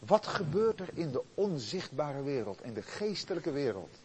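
A man preaching a sermon, slow and solemn, swinging from loud stress to a near-hush. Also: a little high, big pitch swings, slightly rough.

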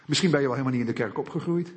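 A man's voice: mid-range voice, very fast, husky. A man preaching a sermon, asking rhetorical questions and answering them himself. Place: church hall. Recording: echoey hall.

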